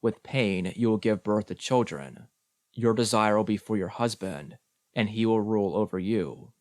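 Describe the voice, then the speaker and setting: A man reading the lines of a stern, commanding male God in an audiobook, in a measured way. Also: on the low side, a little mellow, dry recording, clean studio sound, close to an everyday voice.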